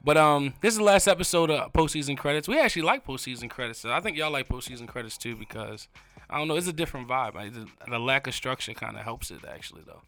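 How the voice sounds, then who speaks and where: A man's voice: mid-range voice, fairly bright tone. A man hosting a casual podcast, joking around and asking his guests questions. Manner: quick, joking, interviewing. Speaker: podcast host.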